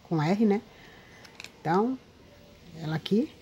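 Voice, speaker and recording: Woman, Brazilian Portuguese accent, mellow tone, chatty show-and-tell, faint outdoor ambience. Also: mid-range voice, animated, unhurried, dull audio, a little hiss or hum. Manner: chatty, addresses viewers often with tag questions. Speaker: paper craft video maker. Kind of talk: casual show-and-tell vlog. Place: outdoors in a windy spot.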